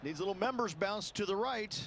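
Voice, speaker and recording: A man's voice: high-pitched, expressive, a little fast, a bit bright, slight background noise. A man doing golf commentary as the analyst in a video game, with folksy, emphatic phrasing.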